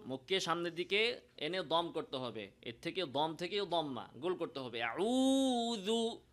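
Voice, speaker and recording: A man with a Bangladeshi Bengali accent teaching Quran pronunciation, explaining slowly and demonstrating sounds in drawn-out chanted examples. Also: a little high, expressive, pushed and bright. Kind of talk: recitation lesson.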